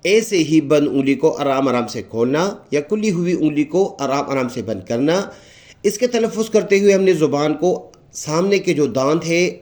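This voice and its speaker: A man with a Pakistani Urdu accent giving a patient recitation lesson, explaining each letter and repeating it slowly and drawn out. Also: fairly high pitch, darkish tone. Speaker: Quran recitation teacher.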